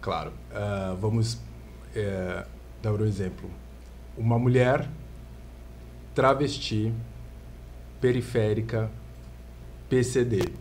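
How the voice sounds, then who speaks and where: A man from Santos with a Brazilian Portuguese accent, a lawyer explaining his field in calm, measured terms as a podcast guest. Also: fairly low pitch, creaky, slight background noise. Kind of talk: podcast interview. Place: podcast studio.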